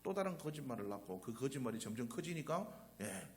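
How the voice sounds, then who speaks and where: A man preaching a sermon as a pastor, asking the congregation rhetorical questions and answering them himself, his voice surging loud on repeated phrases. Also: mid-range voice, sing-song, brisk. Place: church sanctuary.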